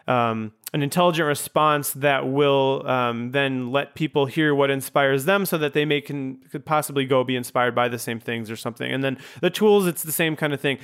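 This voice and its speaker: Smooth-voiced podcast host, rambling. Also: male voice, medium pitch, moderate pace, few pauses, a bit bright. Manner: rambling, hesitant with many ums and restarts. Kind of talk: casual interview chat.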